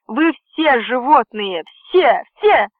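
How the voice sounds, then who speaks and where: A man's voice: very high-pitched, a little slow, no echo. A man reading an audiobook, voicing a distraught young woman who sobs and lashes out in anguished outbursts. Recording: dry, tinny phone-like audio.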